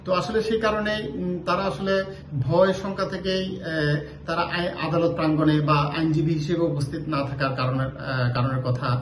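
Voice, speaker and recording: Halting male news reporter, echoey room. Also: a little high, steady tone, background noise. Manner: halting, many filler sounds.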